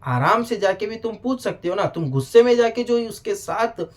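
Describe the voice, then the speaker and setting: Animated high-voiced man reviewing. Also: moderate pace. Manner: animated, addresses the show directly, frequent "bhai sahab". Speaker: reality show reviewer. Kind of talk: casual video review.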